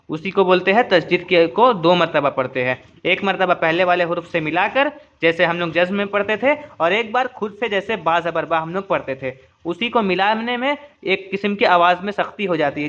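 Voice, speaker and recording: A man teaching Quran reading slowly and patiently, drilling syllables one by one and checking that viewers understood. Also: high-pitched, a bit bright, lo-fi sound. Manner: asks "understood?" often. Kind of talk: slow step-by-step recitation lesson.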